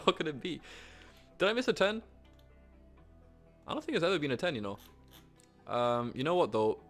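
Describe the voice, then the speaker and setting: A young man streaming himself playing a board game online, talking to himself with excitable, swearing commentary. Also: medium pitch. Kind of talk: live gameplay commentary.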